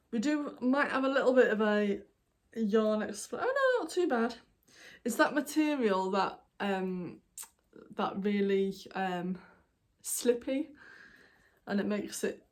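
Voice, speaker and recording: She talks slowly and pauses often, her voice medium in pitch. A British woman with the hiccups, she hosts a knitting podcast and meanders casually through a show-and-tell vlog of her projects, with many ums and apologies.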